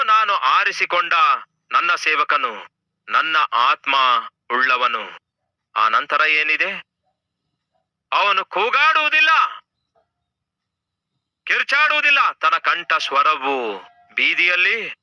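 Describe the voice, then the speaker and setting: Male pastor with a Kannada accent, higher-pitched and emphatic, sermon on a dry, dull recording. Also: sharp tone, no room sound. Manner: emphatic preaching with rhetorical questions and sudden drops to a low voice.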